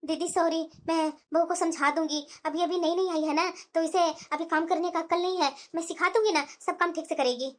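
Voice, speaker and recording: A woman's voice: very high voice, fairly even intonation, brisk, few pauses. A woman doing a fussy cartoon mother-in-law. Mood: placating. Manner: placating, then sharp with daughter-in-law. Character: middle-aged mother-in-law, anxious to please. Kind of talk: cartoon voice acting.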